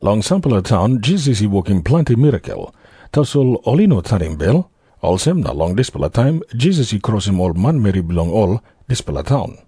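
A man's voice: on the low side, big pitch swings, fairly quick, warm tone, husky, no echo, clean studio sound. A man narrating scripture from a script.

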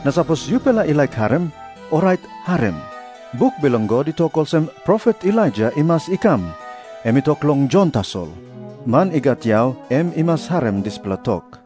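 A man with a Papua New Guinean accent playing an earnest prophet who preaches deliberately in a dramatised scripture reading. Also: a little high, very animated, darkish tone, soft background music. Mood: earnest teaching. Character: Jesus, earnest preaching prophet addressing crowds.

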